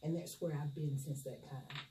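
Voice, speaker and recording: A middle-aged woman, speaking as a judge in an interview and explaining in a measured, formal way. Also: low-pitched, steady tone. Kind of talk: interview answers. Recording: echoey room, distant mic, loud noise.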